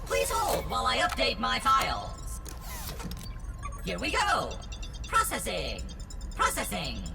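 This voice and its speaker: A woman's voice: mid-range voice, wildly swooping pitch, slow, creaky, full character voice. A woman voicing a cheerful, formal robot assistant in a video game, speaking in a computerized voice as it processes data with stiff machine phrasing. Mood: processing. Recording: loud game music behind.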